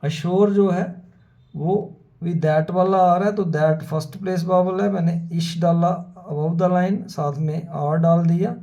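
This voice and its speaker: Slow gravelly shorthand teacher. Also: male voice, sits high, fairly even intonation, mellow. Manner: methodical, repeats words slowly for students. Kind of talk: whiteboard lesson explanation. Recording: dull lo-fi sound.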